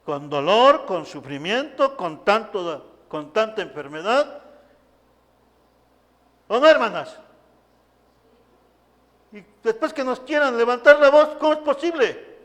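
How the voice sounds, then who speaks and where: This animated preacher, a man whose fairly bright voice sits high for his sex, delivers his sermon slowly with frequent pauses and strong emphasis. Again and again he addresses the congregation directly, while a lengthy echo from the church hall follows every line.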